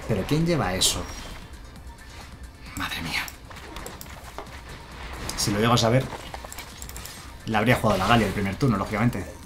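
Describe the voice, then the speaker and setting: Chatty Spanish streamer over soft music. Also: male voice, on the low side, moderate pace, long pauses. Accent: Spain Spanish. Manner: chatty, answers chat, muses aloud. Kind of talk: casual live-stream commentary. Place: home room with a chair.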